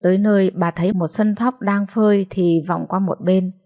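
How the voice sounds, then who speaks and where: Woman reading a story aloud. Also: medium pitch. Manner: steady, measured storytelling. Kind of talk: scripted narration.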